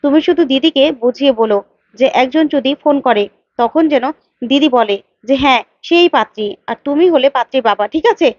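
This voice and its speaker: A woman voicing a sharp young woman in a story, laying a trap with quick, persuasive talk in a high, fast voice. She sounds set on getting her way. The recording is slightly dull and very dry. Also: no room sound, natural voice. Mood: scheming.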